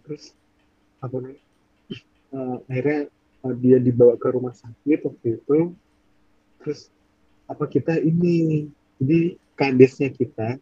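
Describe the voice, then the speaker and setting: A young man in his twenties tells a ghost story in a relaxed, husky voice. He rambles and hunts for words as he goes. The recording is dry and somewhat dull. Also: mid-range voice, moderate pace, pauses often, dry recording. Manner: rambling, searches for words, acts out quoted voices. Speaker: podcast storyteller. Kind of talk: casual horror storytelling.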